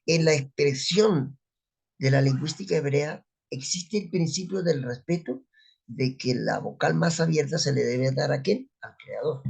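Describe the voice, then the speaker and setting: A man's voice: medium pitch, creaky, a little mellow, slightly rough. A man giving an unscripted Bible teaching, asking rhetorical questions and answering them himself. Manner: spoken, unscripted, with restarts. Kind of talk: religious teaching talk.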